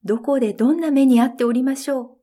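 A woman's voice: sits high, fast talker, dark tone. A woman reading a storybook, voicing a tearful, frightened young princess who speaks anxiously. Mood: fearful. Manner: anxious, pleading.

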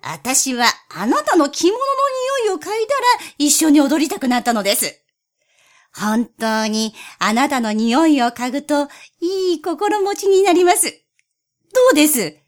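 A woman's voice: high voice, animated, moderate pace, voice pushed up. A woman voicing a sly, scheming male spotted cat who coaxes in a syrupy tone, in a storybook reading. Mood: coaxing. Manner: coaxing, wheedling tone.

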